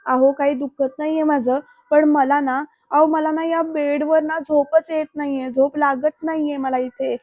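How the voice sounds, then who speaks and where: A woman's voice: high-pitched, steady tone, normal speed, hardly any pauses, no echo, close to an everyday voice. A woman voicing a shy, simple young village woman who pleads hesitantly, on a dull, dry recording. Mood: pleading.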